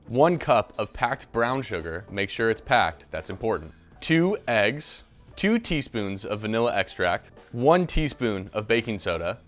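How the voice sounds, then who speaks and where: A young man with a medium-pitched, slightly bright voice hosts a laid-back home cooking show. In his kitchen he chats in an upbeat way to a mascot that stays silent, speaking into a lapel mic.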